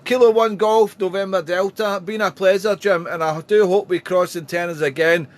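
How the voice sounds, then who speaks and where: British male ham operator, high voice, casual on-air contact chat with deliberate radio phrasing. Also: fairly even intonation. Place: home radio room.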